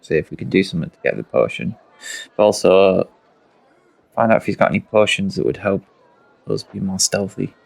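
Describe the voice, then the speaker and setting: A man's voice: low voice, animated, a little fast, gravelly, pauses often, a little mellow, rough recording. A man chatting casually as a player in a tabletop game. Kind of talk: casual chat.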